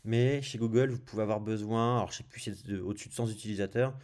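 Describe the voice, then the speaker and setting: Tutorial host: male, French accent, deep-ish warm tone, relaxed screen-share narration full of small fillers. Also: fast talker. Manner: thinks aloud while clicking through screens, frequent "hop" and "euh". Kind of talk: casual screencast coding tutorial.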